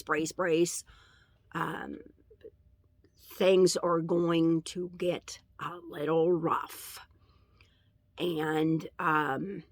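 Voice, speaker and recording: A woman recounting a dream in a casual religious testimony, halting and earnest, with many fillers and pauses. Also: lowish voice, a bit bright, no room sound. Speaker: vlogger sharing a dream.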